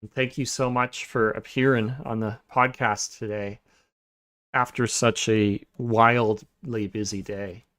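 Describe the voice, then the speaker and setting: A man's voice: fairly low pitch, slow. Laid-back man hosting a podcast. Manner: relaxed, many filler sounds and restarts. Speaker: podcast host. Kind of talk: casual podcast chat.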